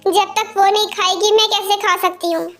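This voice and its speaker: A woman's voice: very high voice, steady tone, brisk, fairly bright tone. A woman dubbing a firm but caring older sister in an amateur fan dub, scolding and bossy toward her sibling. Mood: tired, worried. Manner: scolding then soothing, bossy.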